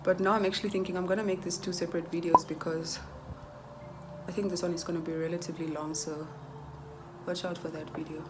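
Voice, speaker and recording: A woman's voice: fairly low pitch, little pitch movement, fast, long pauses, heavy background noise. A young woman from Namibia, wearing a sheet mask, chatting casually to viewers in a self-care vlog, recorded on a phone's front camera at home. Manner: chatty, addresses viewers as guys and girl. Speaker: beauty vlogger. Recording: music playing behind.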